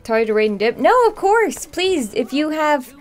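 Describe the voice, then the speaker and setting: A woman's voice: high voice, sing-song, moderate pace, a little mellow, soft background music. A woman chatting casually on a game live stream as a VTuber, with a cute, bubbly anime-streamer delivery. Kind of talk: casual live-stream chat while gaming.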